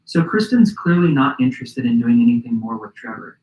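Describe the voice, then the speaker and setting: A man hosting and narrating a documentary podcast in a measured, reflective scripted style. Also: medium pitch, lively intonation, darkish tone, roomy sound, low-quality recording.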